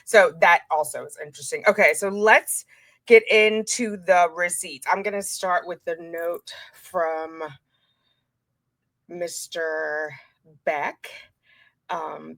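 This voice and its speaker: A woman with a slightly low, bright and forward voice gives casual true crime commentary. She is chatty and informal, talking straight to her viewers and often cutting into her own sentences with asides. The sound is very dry, with no room echo. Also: gravelly. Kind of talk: casual commentary to viewers, walking through documents.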